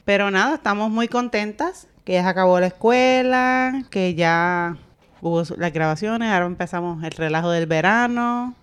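A woman chats on a casual podcast with lively emphasis, often chiming in to agree. Her voice is smooth and resonant at a middle pitch, easy and clear throughout. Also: moderate pace. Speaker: podcast co-host.

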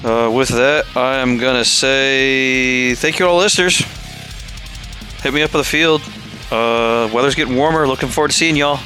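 A man hosting a hobby podcast, talking in a relaxed way with lots of fillers. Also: mid-range voice, moderate pace, faint music behind. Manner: relaxed, filler-heavy talk. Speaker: podcast co-host. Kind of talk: casual podcast sign-off.

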